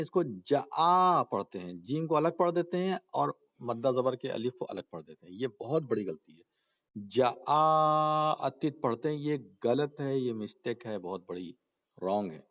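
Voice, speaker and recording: Male tajweed teacher, mid-pitched voice, patient and repetitive, asks questions as he explains. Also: a little mellow, dull audio. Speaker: Quran recitation and tajweed teacher. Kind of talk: spoken lesson with slow chanted recitation examples.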